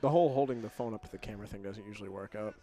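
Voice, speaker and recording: A man's voice: fairly low pitch, rapid-fire, dark tone, soft background music. A young man co-hosting a radio show, teasing his partner and rattling off plugs between laughs. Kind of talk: casual banter on a radio show.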